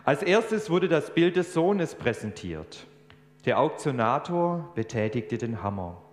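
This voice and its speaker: A man preaching a sermon, telling a story with animated emphasis. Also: mid-range voice, unhurried. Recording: echoey church hall, faint hum.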